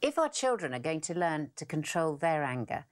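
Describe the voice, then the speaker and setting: Co-presenter: woman, low and lively, scripted course narration. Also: normal speed.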